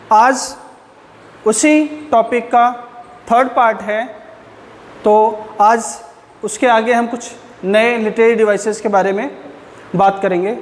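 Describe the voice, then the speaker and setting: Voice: mid-range voice, a little hiss or hum. A teacher giving a lesson to students, posing questions and then answering them, repeating key points and mixing in English phrases. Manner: mixes English phrases into explanations. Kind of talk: classroom-style lesson. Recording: long reverb.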